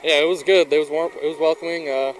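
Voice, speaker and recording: Casting: young male athlete, monotone and quick, faint outdoor background noise. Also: fairly high pitch, low-quality recording. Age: young adult. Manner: laid-back, plain answers. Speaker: baseball pitcher. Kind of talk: postgame interview. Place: outdoors on a baseball field at dusk. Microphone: reporter's handheld mic.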